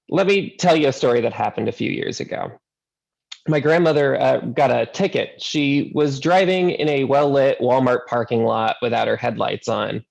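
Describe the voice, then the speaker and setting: Earnest man preaching, gravelly voice, mid pitch, story-driven sermon. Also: poor audio. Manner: earnest storytelling, repeats words when starting. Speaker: seminary intern preacher.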